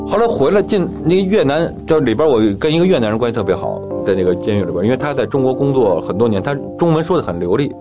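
A man telling his own story in casual talk, acting out the dialogue as he goes, with guitar music behind him. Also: medium pitch.

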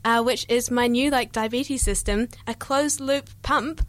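A woman's voice: on the high side, a little slow, dry recording. A young woman with a New Zealand accent, co-hosting a youth radio show in bubbly, giggly casual chat. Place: radio studio.

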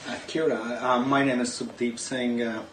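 A man's voice: mid-range voice, flat delivery, moderate pace. A man with a Punjabi accent introducing himself, hesitant and full of uhs. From Punjab, India. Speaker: association member. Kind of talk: casual self-introduction. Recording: echoey room, distant mic, noisy.

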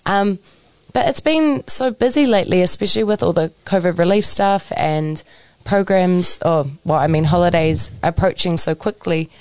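Bubbly young New Zealand woman, lowish pitch. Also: moderate pace, darkish tone, clear, resonant tone, dry recording. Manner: bubbly, laughs often, chatty with fillers. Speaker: community radio co-host. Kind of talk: casual radio chat. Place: community centre studio.

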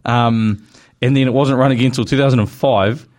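A man's voice: medium pitch, fairly even intonation, brisk, a little mellow. A man with a broad Kiwi accent hosting a casual motorsport chat in a blokey, slangy, mildly sweary way. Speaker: motorsport show host.

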